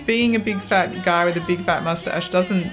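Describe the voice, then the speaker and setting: A woman hosts a podcast in a chatty, laughing way, her voice sitting a little low. Faint music plays behind her. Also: normal speed. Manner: chatty, laughing often, filler-heavy. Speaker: podcast host. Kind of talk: podcast chat.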